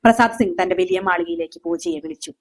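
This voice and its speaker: Low-voiced woman storyteller. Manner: measured, dramatic pauses. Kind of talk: scripted dramatic story narration.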